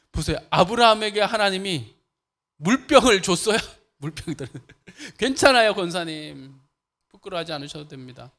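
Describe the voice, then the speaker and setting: Male pastor preaching in church, high lively voice, gets loud then drops soft, laughs a lot. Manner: asks the congregation questions, then answers them; swings between loud fervor and soft, lowered talk. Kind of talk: sermon. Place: church sanctuary.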